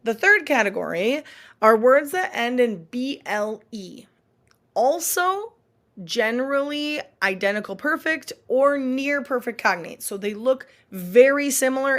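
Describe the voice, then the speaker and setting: A woman's voice: a little high, a bit bright. A woman who is a Spanish teacher and a mother, speaking in a recorded online lesson and patiently repeating example words. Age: adult.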